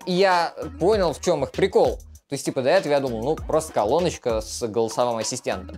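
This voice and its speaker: Young male tech reviewer, lively swinging intonation, casual delivery, music underneath. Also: fairly high pitch. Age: young adult. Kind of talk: casual gadget review to camera. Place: small furnished room indoors. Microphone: clip-on lapel mic.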